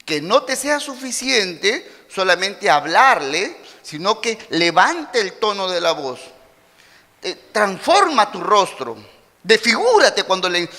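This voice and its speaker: A man's voice: sits high, long reverb tail. A man with a Peruvian accent preaching a sermon as pastor, acting out little quoted scenes as he teaches. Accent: Peruvian Spanish. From Peru. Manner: animated preaching with acted-out quotes. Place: church hall.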